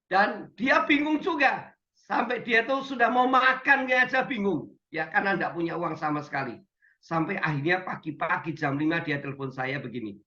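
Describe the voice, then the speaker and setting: A man's voice: high-pitched, animated, normal speed, bright, forceful tone. Man preaching over a muffled video call. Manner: storytelling, frequent filler "ya". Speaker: pastor. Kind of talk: sermon.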